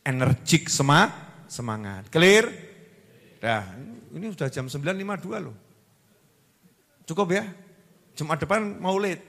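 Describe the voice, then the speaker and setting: A man's voice: on the high side, animated, a little slow, vocal fry, pauses often, a bit bright. A man with a Javanese accent preaching a sermon, acting out little scenes and asking the crowd questions. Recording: long reverb of a hall.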